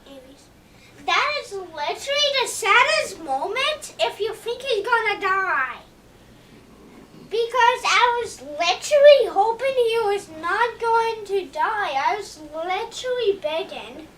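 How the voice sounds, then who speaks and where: A young woman chatting casually in a movie review, excitable and emphatic, leaning hard on "literally". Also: extremely high pitch, unhurried, recorded from a distance.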